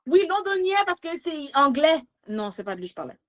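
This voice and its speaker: Lively Québécoise woman, bright and animated. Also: normal speed. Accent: Québécois French. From Quebec. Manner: animated, laughs often, big pitch swings. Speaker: guest, comedian. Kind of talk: casual interview chat.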